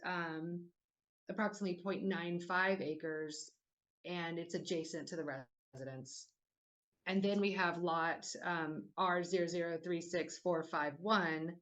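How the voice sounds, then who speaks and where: A woman giving a formal hearing presentation, careful and hesitant, reading figures with many fillers. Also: on the low side.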